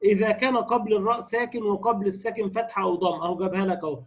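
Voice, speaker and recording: Egyptian man, tajweed teacher, high husky voice, casual explainer who recites examples slowly and repeats them. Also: fairly even intonation. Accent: Egyptian Arabic. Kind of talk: tajweed lesson in colloquial Arabic. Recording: dull lo-fi recording.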